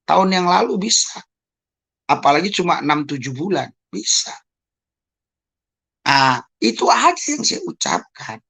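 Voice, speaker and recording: Gravelly guy on his channel clearing his name, keeps asking why so touchy, talks straight to the viewers. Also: on the high side, big pitch swings, a little slow, pauses often, pushed and bright. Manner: emphatic, repeats rhetorical questions; addresses listeners as "Saudara". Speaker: YouTube channel host. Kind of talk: clarifying monologue to viewers.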